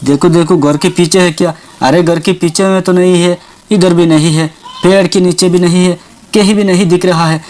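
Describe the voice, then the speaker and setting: A menacing female witch searches frantically and spits threats, voiced by a man with a high-pitched voice. She talks in quick repeated cries of alarm, storybook style. The voice sits high for a man's. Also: fairly even intonation, darkish tone, natural voice. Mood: frantic. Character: menacing female village witch hunting her baby. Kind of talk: toy doll storytelling.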